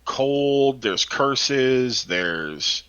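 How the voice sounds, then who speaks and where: A man's voice: medium pitch, expressive, very slow, a bit bright, dull audio. A man chatting casually on a podcast about a role-playing game, rambling with lots of fillers and tag questions. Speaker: podcast co-host.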